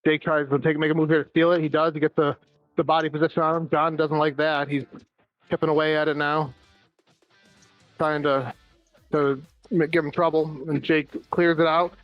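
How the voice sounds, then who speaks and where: An American man calls an amateur floor hockey game play by play, rattling off passes and shots with the odd dry joke. His voice sits a little high for a man. Faint music plays underneath. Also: flat delivery, lo-fi sound. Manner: rapid running call of plays with dry asides. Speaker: play-by-play commentator. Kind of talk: amateur live sports commentary.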